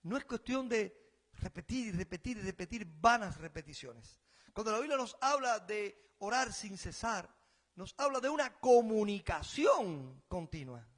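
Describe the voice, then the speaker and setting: A Cuban man with a Cuban Spanish accent preaching a sermon as pastor, rising loud on key phrases and then dropping quiet. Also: high voice, sing-song, measured pace. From Cuba.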